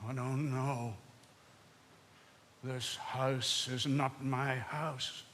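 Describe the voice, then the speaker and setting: An actor playing a bitter, suspicious older husband on stage, brooding and breaking into shouts. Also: male voice, mid-range voice, little pitch movement, very slow. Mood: anguished. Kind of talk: stage drama performance.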